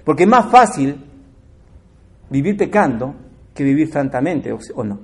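A man preaching a sermon in a fairly high voice. He swings from loud, emphatic lines to low, quiet asides. He keeps turning to his listeners with direct questions. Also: sing-song, normal speed.

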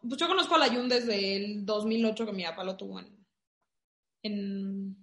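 A woman's voice: mid-range voice, normal speed. A woman with a Mexican Spanish accent, telling a story in casual chat, full of fillers. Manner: animated storytelling with many fillers. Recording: echoey room.

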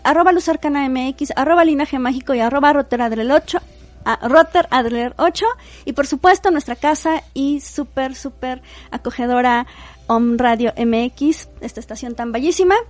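High-voiced Mexican woman radio host. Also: dry recording. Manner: chatty, with quick asides and interjections. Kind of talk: casual radio chat.

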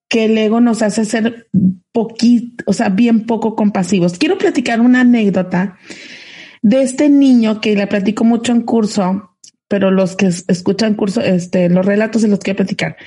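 A woman with a Mexican Spanish accent tells a personal story on a casual online talk show. Her voice is mellow and a little high, and she keeps restarting her phrases as she goes. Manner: animated anecdote telling with restarts. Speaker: co-host. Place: remote call from home.

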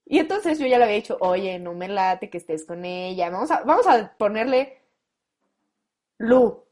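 A young woman with a Mexican accent, close to twenty, telling a story in casual chat, animated and full of slang, acting out what people said. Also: medium pitch, normal speed. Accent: Mexican Spanish. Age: late teens. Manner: animated, slangy, acts out quoted lines. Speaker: guest.

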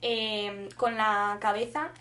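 A young woman co-hosting a podcast, telling stories in an animated way and laughing often. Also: mid-range voice, slow pace. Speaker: podcast co-host. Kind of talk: casual chat.

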